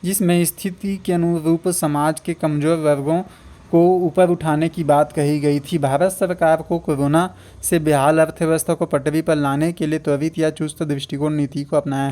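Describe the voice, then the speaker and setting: A man's voice: fairly high pitch, darkish tone. A man from teaching an exam prep lesson, posing questions to his students and repeating key facts.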